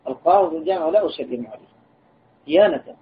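A man's voice: a little high, animated, rapid-fire. A man, an Islamic scholar, giving an earnest religious lesson and telling a personal story of admonition. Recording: tinny lo-fi phone-like recording, faint hiss.

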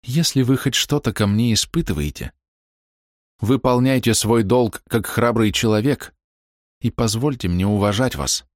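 A man's voice: medium pitch, animated, normal speed, no room sound, studio quality, pitched above the performer's own voice, close to an everyday voice. A man reading aloud and voicing an anguished young woman torn by forbidden love, in a raised, pleading voice. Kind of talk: audiobook character reading.

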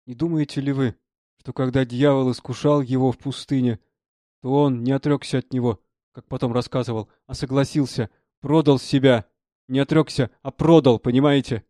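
A man's voice: mid-range voice, fairly even intonation, normal speed, warm tone, no echo, studio quality, lightly acted. A man voicing a genial old prisoner who speaks in a mild, teasing, ironic way, in a storybook reading. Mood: sly.

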